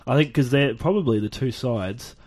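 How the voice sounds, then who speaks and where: A man's voice: mid-range voice, normal speed, darkish tone. A man, co-hosting a casual sports podcast with chatty, opinionated banter.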